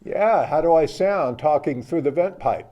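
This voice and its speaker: A man's voice: a little high, expressive, normal speed, mellow, muffled recording. A man calling casually up a mine shaft, his voice carried through a vent pipe. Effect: voice heard through a vent pipe from down a mine shaft. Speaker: friend exploring a mine. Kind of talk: casual chat.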